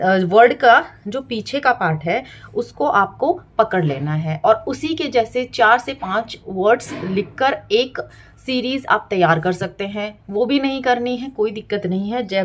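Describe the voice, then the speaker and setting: A woman in her thirties explaining to parents how to teach spelling, breaking words into parts and spelling letters aloud, with frequent "theek hai" check-ins. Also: fairly high pitch. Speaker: parenting and teaching channel host. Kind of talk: explanatory home tutorial.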